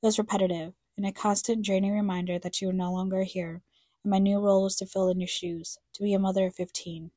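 Young woman narrator for a grief podcast: mellow, dry close voice, reflective and somber. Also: mid-range voice, little pitch movement, fast, no room sound. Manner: somber, reflective, addressing her late mother. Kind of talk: scripted personal narration.

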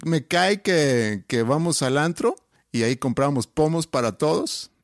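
A man's voice: a little high, lively intonation, a little slow, no echo, studio quality. A man putting on a flashy, partying Mexico City man who talks slangy and drops "güey" constantly. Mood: boastful.

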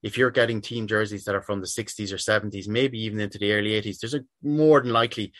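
A man's voice: fairly low pitch, steady tone, fast talker, a bit bright, no room sound. A middle-aged man with a west of Ireland accent talking casually and chattily in an interview, often circling back and restarting his phrases. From Sligo, west of Ireland. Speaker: interview guest, football jersey collector.

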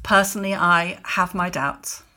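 A woman's voice: fairly low pitch, unhurried, sharp tone. A woman co-hosting a political podcast, talking in an emphatic, indignant way. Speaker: podcast co-host, columnist. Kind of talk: opinionated political chat.

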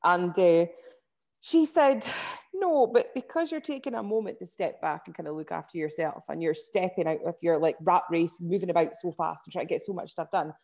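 A woman with a Highland Scottish accent telling stories casually and chattily, acting out bits of dialogue and often saying "like". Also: moderate pace, vocal fry. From Inverness, Scotland. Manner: animated retelling with quoted dialogue and frequent "like". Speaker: podcast guest. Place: indoors by a window, at a laptop on a video call.

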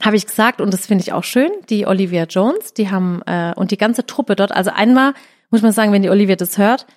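A chatty woman in her thirties, a podcast host telling stories in a loose, casual way. She talks in a middle-pitched voice, fills in with small words, and acts out what others said. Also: fast talker. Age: 30s. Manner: chatty storyteller, many fillers and acted-out quotes. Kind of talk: casual chat.

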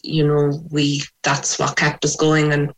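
A woman with a west of Ireland accent recounting personal memories in an interview, reflective and pausing softly as she goes. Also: low-pitched, completely flat delivery. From Sligo, west of Ireland.

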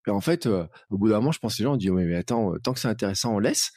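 A man chatting on a podcast in a lively, familiar way. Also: lowish voice, very fast, no echo, clean studio sound. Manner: chatty, lively, many "tu vois". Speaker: podcast host. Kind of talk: casual podcast conversation.

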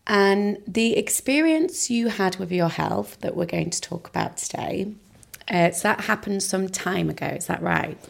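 A woman hosting an English-learning podcast, explaining and interviewing in a clear, teacher-like way. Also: medium pitch, a little slow. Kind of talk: scripted lesson narration and interviewing.

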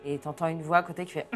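Low-voiced woman game master. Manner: calls for dice rolls, describes scenes. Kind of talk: narrating a tabletop game.

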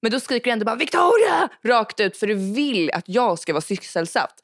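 A woman's voice: mid-range voice, no echo, studio quality. A woman co-hosting a podcast, laid-back and teasing in casual chat. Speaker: podcast co-host.

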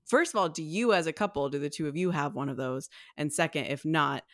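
A woman's voice: sits low, brisk, no room sound, clean studio sound. A woman co-hosting a podcast, musing earnestly in casual chat and leading the questions. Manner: earnest, musing, full of "like" and "I think". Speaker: podcast co-host.

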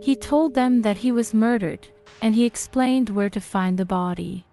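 A woman's voice: fairly high pitch, moderate pace, mellow. A woman from Turkey, narrating a paranormal anecdote as a storyteller. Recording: music behind the voice. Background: prominent music.

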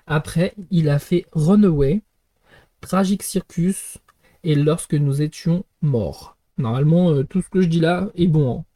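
A man's voice: fairly high pitch, measured pace, mellow. A man hosting a book podcast, giving a casual review in a rambling way with lots of fillers and self-corrections. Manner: self-deprecating, chuckles at himself.

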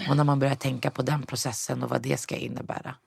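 Brief: young woman, guest, gravelly fry, dry close sound, storytelling that acts out the dialogue. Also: a bass voice, steady tone, no room sound. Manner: retells events with quoted dialogue, mixes in English words. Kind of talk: personal storytelling in conversation.

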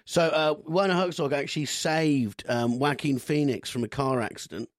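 A man's voice: a little high, moderate pace, no echo. Male podcast host, loose jokey storyteller, close dry sound. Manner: rambling, jokey, laughs often. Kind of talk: casual comedic chat.

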